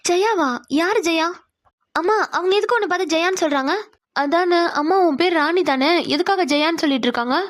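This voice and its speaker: A woman's voice: very high voice, brisk, dry recording, studio quality. A woman voicing a curious young woman in a cartoon who keeps questioning her mother. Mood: puzzled. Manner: persistent questioning. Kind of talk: cartoon voice acting.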